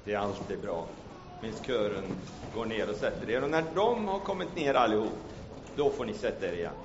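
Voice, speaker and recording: A man's voice: fairly low pitch, very animated, noisy background. A male pastor delivers a dramatic sermon in a large church space. His voice rings with a long reverb. The recording sounds muffled and lo-fi. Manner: dramatic, swings from hushed storytelling to loud calls. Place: church hall. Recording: echoey church hall, dull lo-fi sound.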